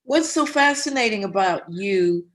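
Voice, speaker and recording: An animated, unhurried mid-range voice belongs to a woman who is both playwright and interviewer. Her questions come out enthusiastic and effusive, and she keeps restarting, repeating words as she begins, in a conversational interview.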